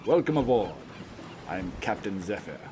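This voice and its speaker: A man's voice: sits low, brisk, noisy background, natural voice. A man doing a genial old sea captain. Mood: welcoming. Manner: welcoming and genial. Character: friendly older male ship captain, half-blind.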